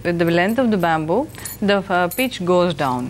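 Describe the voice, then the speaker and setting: South indian lady getting interviewed, talks fast, hops between languages, bit of a noisy room sound. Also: on the low side, very animated. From India, Andhra Pradesh. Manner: code-switches mid-sentence, hesitant explanations. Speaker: flautist being interviewed. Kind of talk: conversational interview answers.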